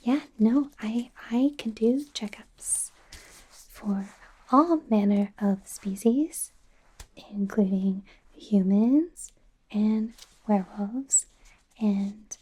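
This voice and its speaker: A woman plays an anxious, awkward young female werewolf medical student in an ASMR roleplay, her medium-pitched voice soft, breathy, and whispered. She speaks hesitantly and flustered yet gentle, stammering often, and the audio quality is poor.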